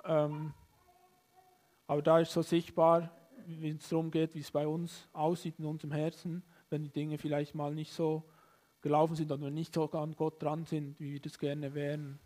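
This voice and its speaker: A man preaching a sermon in a calm, plain way, retelling a story with small pauses and fillers. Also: on the high side. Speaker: pastor.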